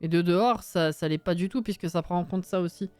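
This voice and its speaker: A woman's voice: fairly low pitch, brisk, a little mellow, smooth, no room sound, faint music behind. A young woman chatting casually on a live stream while building in a game, reading chat aloud, swearing and laughing often.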